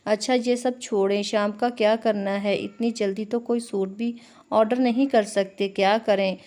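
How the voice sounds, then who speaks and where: A woman's voice: mid-range voice, steady tone, moderate pace, a little mellow, natural voice. A woman voicing a caring young sister-in-law in a read-aloud romance story, speaking in a friendly, persuasive way.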